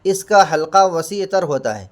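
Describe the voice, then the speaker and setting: A man's voice: high voice, animated. A man teaching an exam-prep lesson. He asks himself questions, answers them, and repeats key points with Hindi and English equivalents. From India. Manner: explains each term with Hindi and English equivalents.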